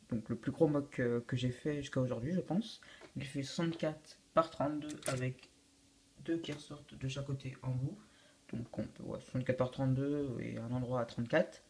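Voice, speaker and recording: A teenage boy presenting his Lego build for his channel in a casual, halting way, often restarting his sentences. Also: a little high, darkish tone. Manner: hesitant, many fillers and restarts. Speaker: YouTube host showing a Lego build. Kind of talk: casual video walkthrough.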